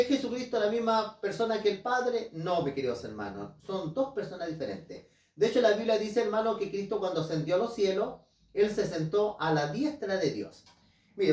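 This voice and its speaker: An earnest male preacher teaching from the Bible and calling his listeners dear brothers. He slows right down to read the verses aloud. His voice sits back from the mic and rings around a roomy, echoing space. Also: high voice, darkish tone, distant mic. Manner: reads scripture slowly and deliberately.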